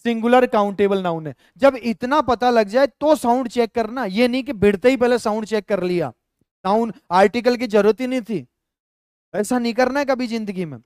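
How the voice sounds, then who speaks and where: A man's voice: very high voice, moderate pace, darkish tone, clear, resonant tone, dry recording, studio quality. A male teacher with a Rajasthani Hindi accent, explaining grammar step by step in a live online lesson and talking to viewers as friends.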